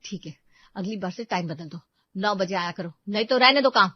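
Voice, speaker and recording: A woman's voice: medium pitch, moderate pace, no room sound, natural voice. A woman voicing an angry young housewife who scolds and sneers in a harsh, sarcastic tone, for a cartoon story. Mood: scolding. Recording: dull lo-fi voice track.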